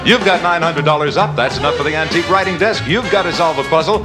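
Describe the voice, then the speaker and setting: A man announcing a 1970s TV game show, reading out prize totals in a smooth, formal delivery. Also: on the high side, quick pace. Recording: old TV tape with music bed.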